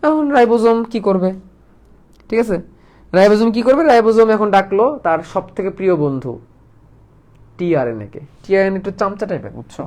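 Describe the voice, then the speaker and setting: Fast-talking man teaching. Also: sits high. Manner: lively, asks students questions and plays out molecules as characters. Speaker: biology teacher. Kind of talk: casual online lesson.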